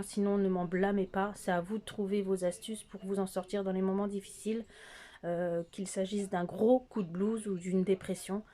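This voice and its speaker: Chatty mellow-voiced woman beauty vlogger. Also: mid-range voice. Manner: chatty, hesitant with frequent fillers, addresses viewers directly. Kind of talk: casual makeup tutorial chat. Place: at home, close to the camera.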